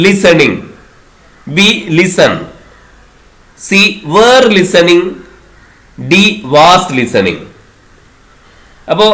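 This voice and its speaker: A man's voice: sits high, a bit bright. A man tutoring for a teacher exam, reading English questions aloud and explaining each answer. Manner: reads English questions slowly, then explains quickly.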